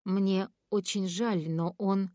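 A woman voicing a troubled, hesitant adult man in an audiobook, speaking in halting phrases that trail off. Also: medium pitch, steady tone, dark tone, no room sound, clean studio sound, natural voice. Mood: sorrowful. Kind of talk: audiobook dialogue.

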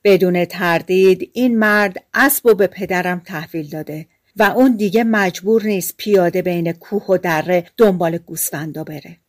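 A woman's voice: fairly low pitch, no echo, studio quality, natural voice. A woman voicing a naive, tired young farm lad in a storybook fairy tale, speaking earnestly and pleading.

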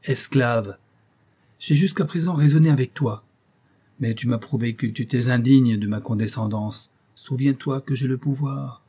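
A man's voice: mid-range voice, a little slow, warm tone, husky. A man voicing a wretched, vengeful male creature, reproachful and menacing, in an audiobook reading.

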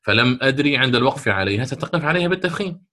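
A man teaching a lesson on Quran recitation rules, asking and answering his own questions and drawing out the recited words slowly. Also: medium pitch, expressive, sharp tone. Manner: stretches recited words drawn out.

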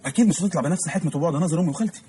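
A man's voice: on the high side, rapid-fire, close to an everyday voice. An actor with an Egyptian accent playing an anxious, indecisive man who keeps repeating his own words. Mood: fretful. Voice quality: repetitive, fretful. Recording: film dialogue with music underneath.

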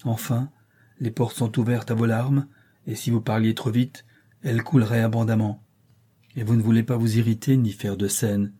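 A man reading a tormented, passionate gentleman. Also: lowish voice, level tone, normal speed, breathy edge. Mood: impassioned. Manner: impassioned, pleading.

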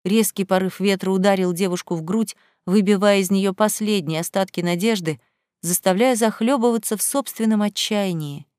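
A woman narrating an audiobook in a steady, dramatic storytelling voice. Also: medium pitch, moderate pace, dry recording, clean studio sound.

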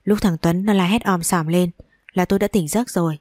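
A woman's voice: lowish voice, fairly even intonation, fairly quick, darkish tone, no room sound, clean studio sound, lightly acted. A woman reading as a sarcastic older mother. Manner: sarcastic, mock-stern. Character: sharp-tongued older mother.

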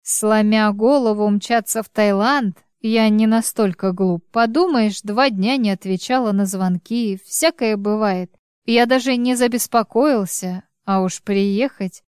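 In an audiobook, a self-assured husband speaks slowly and mocks his wife with dry humor, as a woman reads him. The voice stays smooth and close, with no room echo. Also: medium pitch, a little mellow, natural voice. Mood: mocking. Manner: dry, teasing, unhurried. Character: calm, mocking husband on the phone. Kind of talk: audiobook reading.

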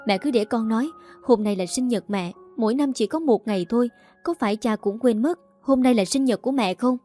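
A woman voicing a headstrong, outspoken young daughter who talks quickly and heatedly. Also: a little high, warm tone, soft background music, natural voice. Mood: heated defiant.

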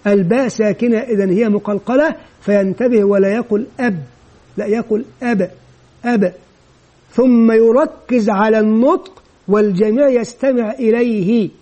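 High-voiced man explaining a lesson. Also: moderate pace, warm tone. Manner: explains step by step, asks and answers his own questions. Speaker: teacher trainer. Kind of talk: instructional lecture.

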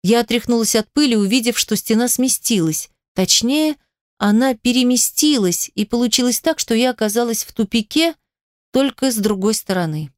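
Smooth-voiced woman reading a fantasy audiobook. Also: fairly high pitch, normal speed, no room sound, clean studio sound. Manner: expressive, storytelling. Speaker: audiobook narrator. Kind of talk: first-person fantasy audiobook narration.

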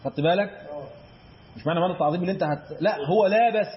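A man with an Egyptian Arabic accent gives a recitation lesson in a high, husky voice. He keeps quizzing his listeners and answering for them. The recording is dull and lo-fi. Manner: chants verse examples in a drawn-out recitation tone. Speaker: Quran recitation teacher. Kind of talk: explanatory lesson.

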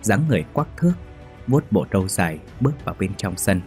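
A man reading a ghost story as narrator, steady and measured. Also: on the low side. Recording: faint music behind.

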